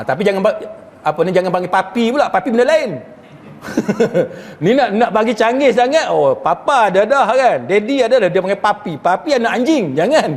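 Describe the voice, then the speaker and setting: A man's voice: high voice, in a large hall. A male Islamic preacher gives a chatty religious lecture, often tossing rhetorical questions to his listeners. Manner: chatty, rhetorical questions to the audience, occasional chuckles.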